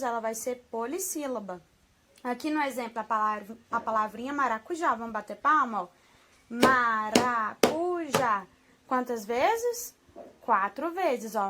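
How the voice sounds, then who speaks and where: A woman with a Brazilian Portuguese accent teaching young children a remote lesson, affectionate and patient, slowly sounding out words and checking in often. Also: a little high, fairly bright tone. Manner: affectionate, slow syllable-by-syllable modeling, frequent "tá bom?". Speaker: primary school teacher.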